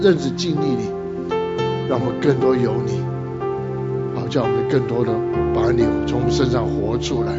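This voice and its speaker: A man leads a congregation in fervent prayer and then teaches from scripture. His delivery is repetitive and builds in intensity. The recording is a bit dull, with loud instrumental music underneath. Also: mid-range voice. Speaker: pastor. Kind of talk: prayer and sermon.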